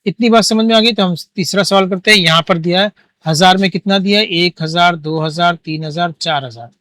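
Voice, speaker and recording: Male teacher, high voice, patient counting-aloud lesson delivery. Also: fairly quick, sharp tone, no echo. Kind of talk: classroom maths lesson.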